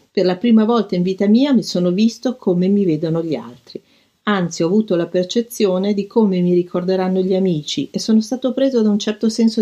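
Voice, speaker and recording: An older woman speaking thoughtfully, pausing often with soft fillers as she reads passages aloud and reflects. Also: fairly low pitch. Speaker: design commentator recalling an artist.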